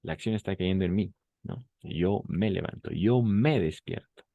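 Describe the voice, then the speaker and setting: A man's voice: low voice, normal speed, gravelly, no room sound, narrow, tinny audio. A male French teacher giving a bilingual lesson, patiently repeating each phrase and often checking that the class understands.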